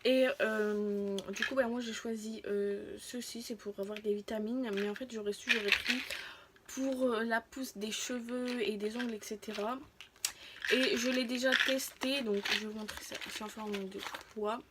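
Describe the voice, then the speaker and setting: A woman's voice: on the high side, steady tone, normal speed, very noisy. A woman vlogging casually to her followers, rambling and interrupting herself as she goes, often trailing off. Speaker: vlogger showing free samples she received. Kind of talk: casual chatty video to followers.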